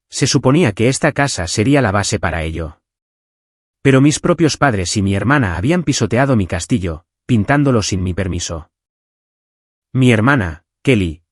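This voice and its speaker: A man narrating a scripted first-person revenge story in an expressive storytelling manner. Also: on the low side, no room sound, studio quality.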